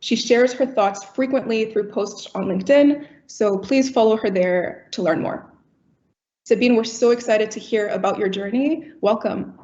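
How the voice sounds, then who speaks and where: A woman host reads a scripted introduction in a smooth, unhurried delivery. Her voice is mellow and dark-toned, and the audio is somewhat dull and lo-fi. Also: a little high. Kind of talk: reading an introduction.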